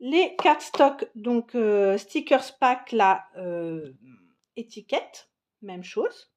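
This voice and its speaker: A woman's voice: on the high side, lively intonation, drawn-out words, darkish tone. A woman casually showing scrapbooking supplies on camera, chatty and enthusiastic, with frequent fillers and restarts. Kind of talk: casual product show-and-tell.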